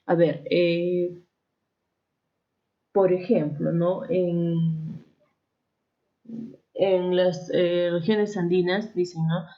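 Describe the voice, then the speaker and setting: A woman teacher with a Peruvian accent from Arequipa talks her class through a lesson, tagging nearly every phrase with a quick question to the students. Her voice sits somewhat low, and she often stops to correct herself. The recording sounds dull and lo-fi. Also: flat delivery. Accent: Peruvian Spanish, Arequipa. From Peru. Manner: frequent tag questions and self-corrections.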